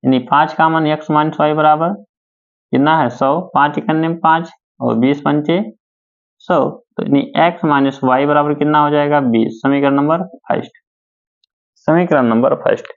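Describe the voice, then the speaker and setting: A man's voice: fairly high pitch, fairly even intonation. A male math teacher, working through problems step by step and asking questions back to his students. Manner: slow, repeats steps and asks questions back to students. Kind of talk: board-work math lesson. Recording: dull lo-fi sound.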